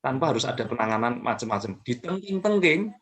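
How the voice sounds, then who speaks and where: Calm explaining man, mid-pitched. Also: fairly quick. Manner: calm, explanatory, many fillers and restarts. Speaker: mental health expert guest. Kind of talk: explanatory talk.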